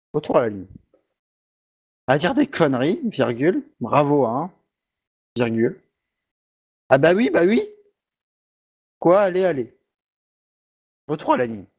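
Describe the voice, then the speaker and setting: A man's voice: on the high side, dull audio. A man putting on a half-robotic voice to dictate a text aloud, reading out every punctuation mark like a machine in a comic video. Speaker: YouTuber.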